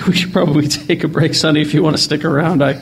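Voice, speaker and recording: A man's voice: on the high side, steady tone, a little fast. A man hosting casual comic banter in a dry, mock-formal way. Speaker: host.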